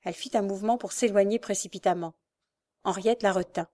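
A woman's voice: medium pitch, steady tone, brisk, mellow. A woman reading a classic novel aloud as scripted narration, rising to urgent emphasis in the dialogue. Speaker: audiobook reader.

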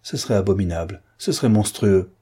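A hushed, anguished young captain, read by a man in an audiobook. The voice stays low, dark and husky, hesitant and subdued. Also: brisk. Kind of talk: audiobook character reading.

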